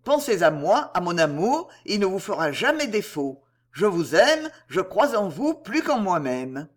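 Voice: mid-range voice, very animated, unhurried. A reader voicing an impassioned young lover. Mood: ardent. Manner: ardent, emphatic. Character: young man in love, impassioned.

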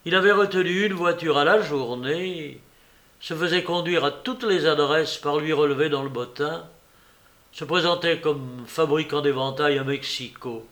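A man reading a novel aloud as narrator, in a steady, measured storytelling manner. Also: a little high.

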